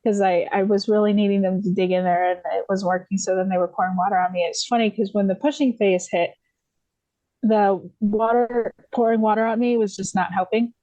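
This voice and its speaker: A podcast guest from the USA tells her story in a casual, meandering way, stopping and restarting her sentences and filling gaps with little ums. Her voice is medium-pitched. It sits close and dry, with no room sound around it. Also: fairly even intonation, brisk, dark tone, no echo, poor audio. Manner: rambling, many fillers and restarts; laughs lightly while telling.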